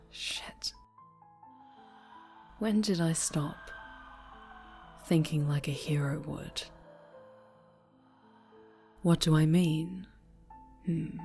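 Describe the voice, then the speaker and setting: Low-voiced, slow possessive villainess played by a woman, breathy whisper, menacing and cloying, over faint music. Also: darkish tone, heavily acted. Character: possessive fallen-hero woman villain with shadow powers. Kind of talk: whispered audio roleplay.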